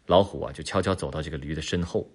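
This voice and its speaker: A man's voice: a bass voice, quick pace. A man, a father, telling an idiom story to his children and explaining it in a playful, teasing way.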